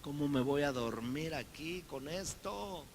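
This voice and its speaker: A man preaching a sermon as pastor, lively and acting out the people he quotes. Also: fairly high pitch, unhurried, slight background noise.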